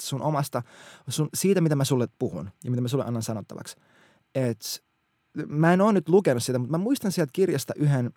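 Male teacher, casual faith talk, earnest and colloquial, lively pitch, dry close sound. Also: no room sound. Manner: animated, colloquial, earnest, many restarts.

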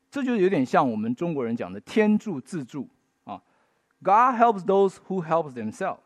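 A man's voice: on the high side, darkish tone, no echo. A man preaching a sermon in Mandarin, telling stories with folksy tag particles and rising to emphatic bursts. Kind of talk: sermon with storytelling.

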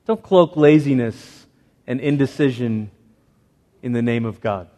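A man's voice: mid-range voice, measured pace, dark tone. A man preaching an evangelical sermon as a pastor, exhorting his congregation with rhetorical questions and short repeated phrases. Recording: reverberant hall.

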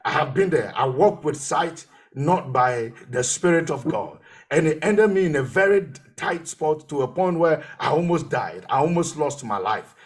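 A man's voice: a little high, animated, normal speed. A man pastor preaching a sermon, telling his own testimony and repeating phrases for emphasis.

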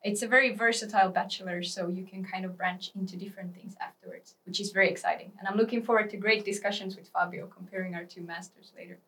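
A young woman from Finland, a student guest on a podcast, explaining her views in a thoughtful, steady way. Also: mid-range voice, fast talker, few pauses, distant mic. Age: young adult. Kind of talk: casual interview talk.

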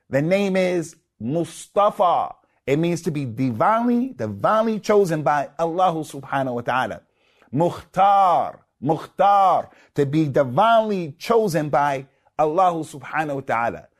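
A man's voice: fairly high pitch, big pitch swings, moderate pace. A man giving a religious lecture as a preacher, emphatic and repetitive, weaving Arabic phrases into his English. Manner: emphatic, repeats key words, weaves in Arabic phrases. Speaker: Islamic preacher.

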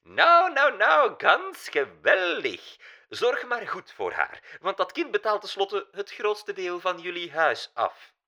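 A man voicing a flamboyant elderly female diva with a shrill, pointed German accent. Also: huge pitch swings, takes it slowly, pushed and bright, heavily acted. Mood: effusive.

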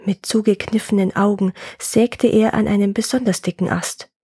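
A woman reads a legend in a calm, measured storytelling voice, her tone slightly gravelly and husky. The recording is close and dry, with no room sound. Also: mid-range voice, no room sound. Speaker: storyteller and podcast host. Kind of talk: scripted fairy-tale narration.

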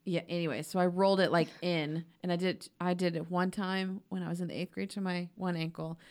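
A woman hosting a casual chat, teasing the others and reacting quickly with laughs. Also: lowish voice, level tone, a little mellow. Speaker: host.

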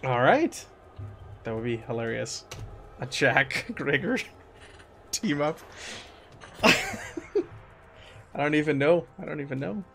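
A man's voice: on the high side, slow pace, gravelly, long pauses, a little hiss or hum. A man running a tabletop game as game master, narrating casually with lots of fillers and laughs. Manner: relaxed, filler-heavy, laughs often.

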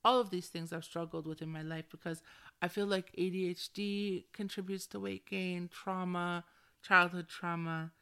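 Talking at normal speed in a fairly low, smooth, slightly bright voice with fairly even intonation, this middle-aged podcast host goes solo. She's candid, relaxed and slangy, constantly dropping "like" in valley-girl fashion.

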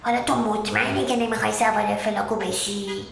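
A woman's voice: mid-range voice, fairly even intonation, creaky. A woman reading a storybook, voicing an earnest, grumbling village boy who defends his donkey. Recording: roomy echo with background noise.

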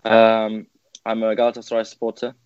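A man's voice: fairly low pitch, monotone, brisk, darkish tone, clean tone, dry recording. A man from England co-hosting a football podcast in an easygoing, joking way. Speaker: podcast co-host. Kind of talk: casual chat. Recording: dry, dull lo-fi audio.

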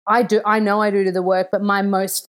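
A young adult woman, an actor chatting as a podcast guest and telling stories with animated enthusiasm. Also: mid-range voice, brisk. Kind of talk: casual chat.

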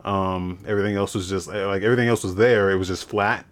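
A man's voice: low voice, fairly even intonation, fast talker. A man co-hosting a gaming podcast, rambling in a laid-back way with casual swearing. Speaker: podcast co-host.

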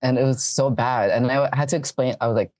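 A woman's voice: rumbling low, quick pace, a little mellow, no room sound. Young woman gossiping about her old job, lots of likes, dry close mic. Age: young adult. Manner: rambling, filler-heavy with lots of "like". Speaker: host. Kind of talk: casual storytelling chat.

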